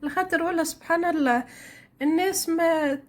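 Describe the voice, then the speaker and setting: Speaking quickly in a very high voice, this home cooking vlogger has a Tunisian Arabic accent. She cooks in her own kitchen and chats loosely with her audience, drifting through stories as she goes.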